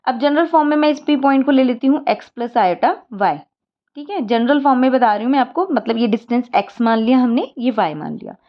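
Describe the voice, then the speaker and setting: A woman's voice: sits high, lively intonation, a little fast, muffled recording. A woman maths teacher, explaining a lesson step by step and often checking that students follow.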